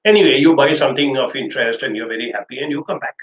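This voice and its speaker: A man's voice: mid-range voice, racing, dull audio. An older man with an Indian accent giving an illustrative lecture as a trainer, telling anecdotes and acting out the dialogue. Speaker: trainer giving an online class. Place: small indoor office. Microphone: webcam livestream from desk distance. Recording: roomy echo with background noise.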